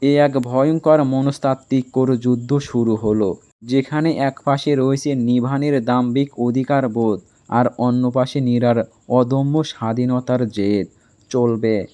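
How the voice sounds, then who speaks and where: A man narrating a dramatic romance story in an even, measured storytelling manner. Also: medium pitch.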